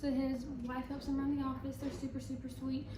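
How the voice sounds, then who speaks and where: High-pitched woman with soft R's, echoey room. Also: monotone, fairly quick. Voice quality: trouble saying R sounds, like w for r. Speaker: talk show guest. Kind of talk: casual chat. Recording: echoey room, clear background noise.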